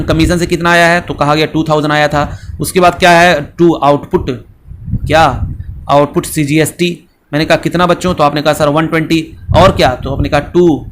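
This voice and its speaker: Male commerce teacher, bantering lecture style, higher voice, faint hum behind. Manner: playful, answers his own questions in the students' voice; scolds teasingly. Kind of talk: classroom lecture.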